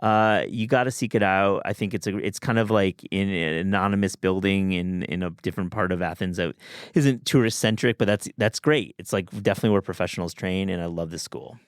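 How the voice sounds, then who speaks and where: A man's voice: low voice, brisk, smooth, dry recording, clean studio sound. A man hosting a podcast, talking in an enthusiastic, chatty way with many restarts. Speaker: podcast host. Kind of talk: casual chat.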